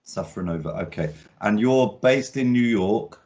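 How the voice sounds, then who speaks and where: This man's lowish, slightly mellow voice is expressive and a little slow. He hosts a casual video-call interview as an art critic, rambling along with frequent ums and restarts, captured in dull lo-fi sound.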